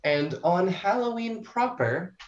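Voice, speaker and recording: This young woman, a short story writer, talks slowly and animatedly in a fairly low voice during a casual podcast interview. The sound is lo-fi, and her manner is chatty and self-reflective.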